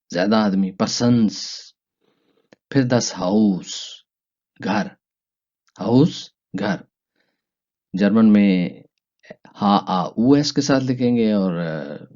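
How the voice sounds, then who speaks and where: A lower-voiced man walks through German vocabulary, drawing each German word out slowly and lifting his pitch on it. His tone is dark and mellow. The recording sounds dull and lo-fi. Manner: stretches out German words slowly, with pitch jumps on them. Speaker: German language teacher. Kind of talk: language lesson explaining vocabulary.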